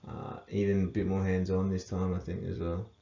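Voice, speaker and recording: A man co-hosting a casual rugby chat, laid-back and quick to agree. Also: deep voice, monotone, warm tone. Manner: laid-back, agreeable, many short affirmations. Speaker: rugby coach and podcast co-host. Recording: echoey room, dull lo-fi sound.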